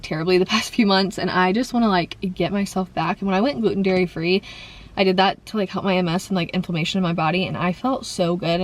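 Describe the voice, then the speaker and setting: A young woman vlogger talking through viewer questions in a chatty, rambling way, a little congested. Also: mid-range voice. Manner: rambling, fills with "like" and "um". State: slightly congested. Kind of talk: chatty Q&A vlog.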